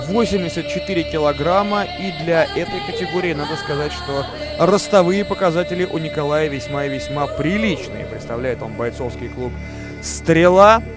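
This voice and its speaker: A man giving live sports commentary, reciting fighter statistics in an informational way. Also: on the high side. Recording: loud music behind the commentary.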